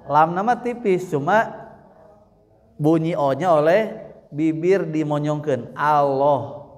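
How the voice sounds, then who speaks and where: A man with a Sundanese accent teaching Quran recitation, explaining patiently and chanting example words slowly at a mosque study session. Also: on the high side. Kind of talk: religious lesson with recited examples. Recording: long hall reverb.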